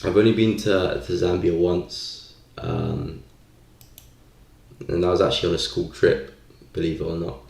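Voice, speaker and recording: Speaking slowly with long pauses, this live stream trading host muses hesitantly through casual market talk. His deep, gravelly voice has a slightly mellow quality. An echoey, roomy space colors the sound.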